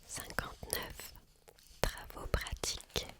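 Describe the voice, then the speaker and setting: An ASMR reader reads a book aloud in a hushed library whisper, taking it slowly and deliberately.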